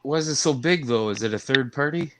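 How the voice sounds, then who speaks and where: A man's voice: mid-range voice, a little fast. A man in a casual group chat, laid-back and asking curious questions. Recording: noisy stream audio.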